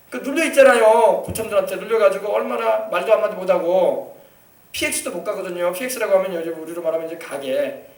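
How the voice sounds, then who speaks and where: A male pastor preaching an emphatic sermon, drawing call-and-response from the congregation. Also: high-pitched. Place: church sanctuary. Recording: echoey hall, mic far off.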